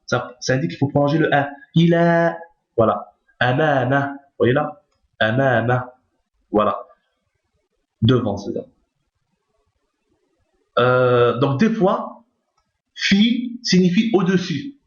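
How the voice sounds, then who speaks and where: A man at a middle pitch gives a recorded lesson, patient and methodical. He repeats every point and keeps checking that his listeners are following. The sound is roomy and echoey, with a dull, lo-fi tone. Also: expressive, slow, pauses often. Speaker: teacher. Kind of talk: recorded lesson on reading Arabic.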